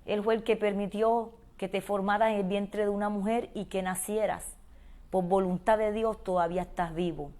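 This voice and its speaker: A woman pastor preaching a sermon, speaking tenderly and pleadingly, then swelling into loud, fervent calls. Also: medium pitch, steady tone, normal speed. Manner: emotive preaching, swings from soft intimate pleading to loud calls.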